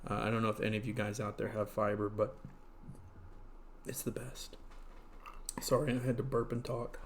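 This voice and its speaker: A man hosts a casual livestream, rambling along and filling the gaps with ums, uhs, and restarts. His voice sits on the low side with a flat delivery and a moderate pace, and there's slight background noise.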